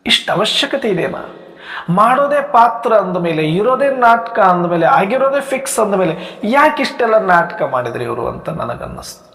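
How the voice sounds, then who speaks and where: A man's voice: high-pitched, very animated, normal speed, a bit bright. A man giving a reflective spiritual talk, asking rhetorical questions and building long repeated lists. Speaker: spiritual teacher. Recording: echoey hall with long reverb.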